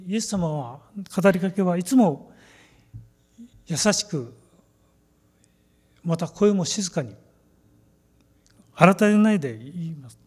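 A man giving a sermon as a pastor, measured and emphatic, stretching out key phrases. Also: sits high, a little mellow. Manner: measured, emphatic preaching with slow stressed phrases.

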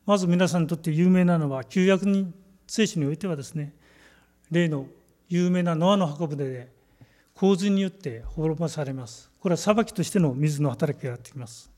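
A man giving a sermon as a pastor, measured and emphatic, stretching out key phrases. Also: fairly high pitch, darkish tone. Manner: measured, emphatic preaching with slow stressed phrases.

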